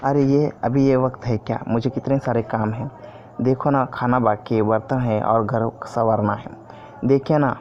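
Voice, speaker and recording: A man's voice: mid-range voice, fairly even intonation, moderate pace, natural voice. A man voicing a busy, tired young wife who pleads and coaxes her husband. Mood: coaxing. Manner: pleading, coaxing. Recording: dull lo-fi audio with faint noise.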